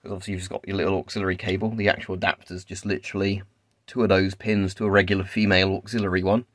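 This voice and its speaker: This gadget-demo video creator talks very fast in a low voice with little pitch movement, speaking casually and off the cuff on camera in a small carpeted room at home. The clean studio sound has no echo, but background noise comes through clearly, including a Geiger counter's clicks and crackle.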